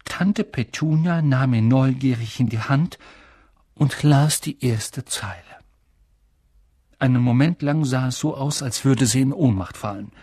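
An audiobook narrator reading a story in a measured, expressive way. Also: mid-range voice, breathy edge, no echo, clean studio sound. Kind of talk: scripted narration.

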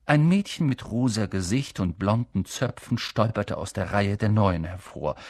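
Brief: male audiobook narrator, unhurried, close dry studio sound. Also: lowish voice, breathy edge, no echo. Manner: calm, measured storytelling. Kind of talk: audiobook reading.

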